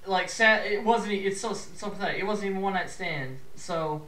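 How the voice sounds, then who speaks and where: A man's voice: high voice, a little fast, bright, forceful tone, roomy sound, distant mic, rough recording. A man in casual chat, ranting heatedly with a lot of swearing, rambling and restarting his sentences.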